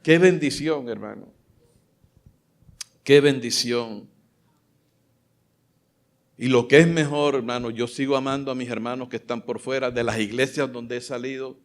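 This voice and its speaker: A man preaching a sermon as pastor, fervent, swinging between loud exclamations and soft asides. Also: mid-range voice, fairly even intonation, a little slow, pauses often.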